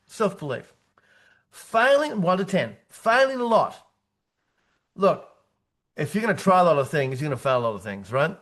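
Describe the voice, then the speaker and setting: A man's voice: a little high, very animated, normal speed, pauses often, fairly bright tone. A man in his fifties giving a punchy motivational presentation as a business coach, talking in short, repeated phrases with frequent "right?" tag questions. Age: 50s.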